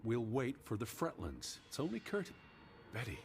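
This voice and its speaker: An earnest, anxious brother searching for his lost sister, his voice rising and falling with great liveliness. This is video game dialogue with mounting desperation. Game music plays clearly behind him. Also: mid-range voice, huge pitch swings, moderate pace. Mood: weary.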